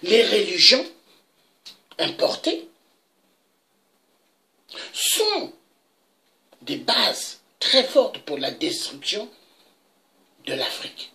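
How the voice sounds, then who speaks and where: Woman, political commentator: slow, indignant rant with a gravelly edge and sharp, high tone. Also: huge pitch swings. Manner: emphatic, indignant, with dramatic pitch leaps. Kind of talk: impassioned political monologue.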